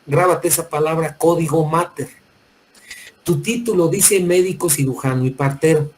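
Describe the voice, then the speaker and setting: A man's voice: fairly high pitch, normal speed, darkish tone, slight background noise, poor audio. A middle-aged man with a Mexican accent lecturing medical students, talking colloquially, addressing them directly and often repeating words as he restarts his sentences. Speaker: medical school professor. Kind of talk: classroom lecture with anecdotes.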